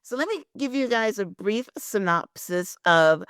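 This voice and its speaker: A woman's voice: medium pitch, lively intonation, a little slow, fairly bright tone, smooth, dry recording, studio quality. A woman from Guyana hosting a podcast interview, chatty and affirming, with many "very nice" replies. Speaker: podcast host. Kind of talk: podcast interview with reading of a synopsis.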